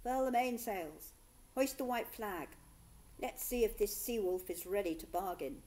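A woman's voice: mid-range voice, measured pace, dark tone, natural voice. A woman voicing a male ship captain who gives curt orders. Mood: stern.

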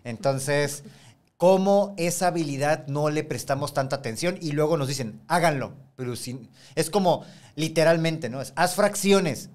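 A man's voice: on the high side, normal speed. A man, a former teacher co-hosting a podcast, chatting casually and acting out voices in his anecdotes. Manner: animated storytelling, acts out voices in anecdotes. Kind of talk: casual chat.

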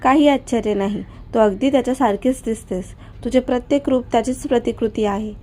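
A broken old man in a wheelchair begs forgiveness in a slow, pleading voice, as a woman reading the story puts him on. The voice sits fairly high and sounds mellow. It is part of a storybook narration. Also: lightly acted. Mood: fond. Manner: pleading, apologetic.

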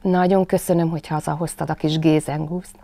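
A woman voicing a gentle, caring mother kangaroo in a storybook reading. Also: sits low, steady tone, gravelly. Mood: tender. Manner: soft and motherly.

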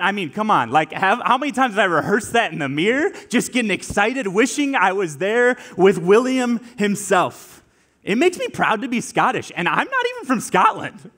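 High-voiced joking young youth pastor. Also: male voice. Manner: energetic and joking. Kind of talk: sermon to teens.

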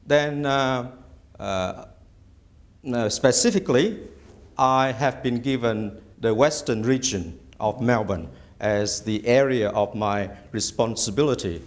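Indoors in a small office, a bishop-elect from Vietnam answers interview questions in a measured way. He is middle-aged, speaks Vietnamese as his first language, uses a mid-range voice, and often pauses with "uh."

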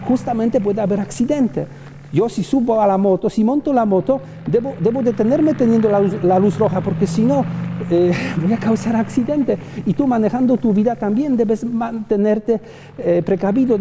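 A middle-aged man, a friar, giving a chatty, plain-spoken sermon outdoors while riding a motorbike on a city street. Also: very high voice. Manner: chatty, plain-spoken, with homely everyday examples. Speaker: friar preacher. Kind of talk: informal sermon on the road. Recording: open-air street with traffic noise. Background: passing cars and street traffic.

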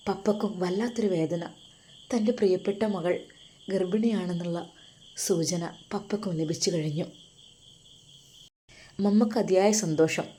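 A woman's voice: fairly low pitch, unhurried, pauses often, mellow. A woman storyteller narrating a story emotively, dwelling on the characters' feelings.

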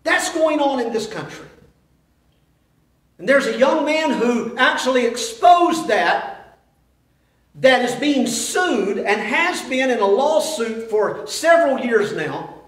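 Captured from a distance by a camera with no visible microphone, the audio of this small indoor sanctuary echoes heavily. The elderly pastor preaches with lively gestures, pressing forward fast before going low and soft for effect.

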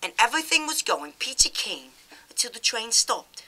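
An earnest young boy wizard, played by a woman, telling his tale in a bouncy, lively voice. The tone is bright and a little high. The telling is animated and plain. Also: normal speed, heavily acted, low-quality recording.

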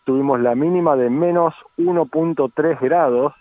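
A man's voice: on the high side, moderate pace, dry recording. An Argentine man giving a conversational weather report as a forecaster calling in to a radio programme. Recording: thin, phone-like radio call.

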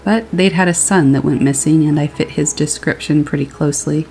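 A horror story narrator calmly reading a first-person scary story aloud, with steady storytelling delivery. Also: mid-range voice, fairly quick, gravelly, poor audio. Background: rain sounds and faint music.

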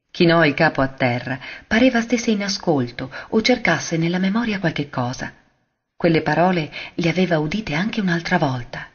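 A man reading a classic literary short story aloud in a measured, expressive way, on a dull lo-fi recording. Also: fairly high pitch, breathy edge. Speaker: narrator.

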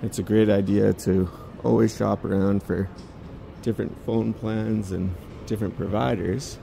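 A man's voice: on the low side, fairly even intonation, a little slow, creaky, noisy background. A man, chatting casually as he walks a department store for a phone-filmed tour. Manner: musing, chatty remarks to himself. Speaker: vlogger giving a store walking tour. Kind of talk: casual walking-tour commentary. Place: large indoor department store. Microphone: handheld phone camera while walking.

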